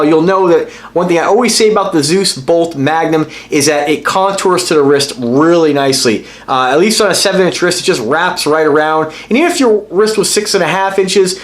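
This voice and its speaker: This man's voice runs on the high side and is expressive, fairly quick, with few pauses. He hosts a watch review channel and, in a casual vlog, rambles enthusiastically to his viewers, calling them "guys" and filling his talk with fillers and restarts.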